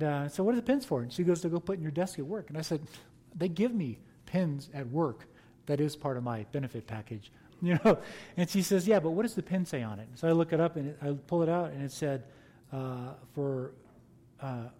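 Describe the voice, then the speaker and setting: Middle-aged pastor, male, mellow and slightly high, folksy storyteller with a chuckle in him. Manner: folksy anecdotal storytelling with laughs. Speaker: pastor and seminary teacher. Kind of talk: storytelling interview answer.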